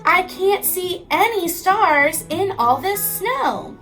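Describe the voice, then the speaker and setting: A woman's voice: very high-pitched, very animated, slow pace, creaky, a bit bright, faint music behind, pitched above the performer's own voice, heavily acted. Woman playing a hearty, blustering old Santa Claus. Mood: blustering, surprised.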